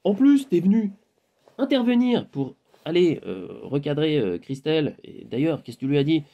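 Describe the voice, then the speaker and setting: A middle-aged man in an improvised vlog monologue, laughing often and acting out little dialogues. His voice has a gravelly edge and swings widely in pitch as he gets carried away. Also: normal speed, dull audio. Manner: animated storyteller, laughs often, acts out dialogue. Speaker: spiritual vlogger.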